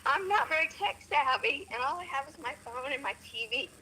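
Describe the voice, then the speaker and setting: A woman's voice: sits high, lively intonation, fairly quick, sharp tone, poor audio. A woman calling in over a phone speaker, talking earnestly and apologetically while trying not to cry. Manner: earnest, apologetic, holding back tears. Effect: heard over a phone speaker. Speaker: caller on a live stream. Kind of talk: emotional personal testimony.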